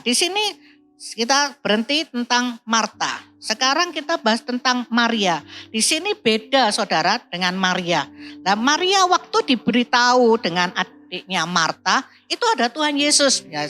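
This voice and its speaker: This is a woman delivering a sermon at a church service, reading scripture and explaining it verse by verse. Her voice sits a little high and rings bright and clear. Soft music plays faintly behind her. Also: very animated, moderate pace. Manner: explaining, often adds "ya" and "Saudaraku". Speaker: preacher.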